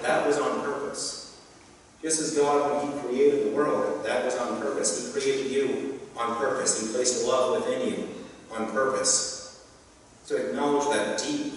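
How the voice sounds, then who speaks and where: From the pulpit of a church sanctuary, a young man with a mid-range voice preaches warmly and earnestly, adding occasional gentle jokes. The pulpit mic catches him from afar amid the room's echo and slight background noise.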